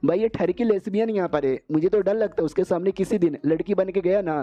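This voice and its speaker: A man's voice: high-pitched, quick pace, dull audio. A man casually narrating an anime story recap in slangy, crude storytelling.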